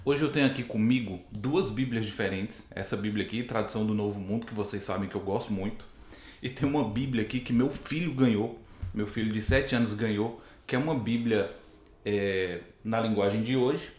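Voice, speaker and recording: A hoarse man teaching from the Bible to camera, explaining patiently and rephrasing his points with frequent "né?". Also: lowish voice, a little fast, a little mellow, soft background music. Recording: very echoey room.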